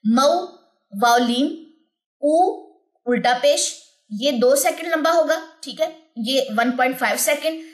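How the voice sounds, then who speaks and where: A woman with a Pakistani Urdu accent teaching Quran recitation, explaining each sound step by step and then chanting the verses in a long drawn-out melody. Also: sits high. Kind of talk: tajweed lesson with recitation.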